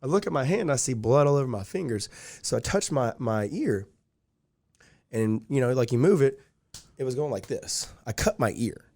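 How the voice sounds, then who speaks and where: A man's voice: medium pitch, big pitch swings, moderate pace, darkish tone. A young man telling a long personal story in casual chat, rambling with lots of fillers. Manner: rambling, many fillers like "like" and "dude". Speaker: podcast guest.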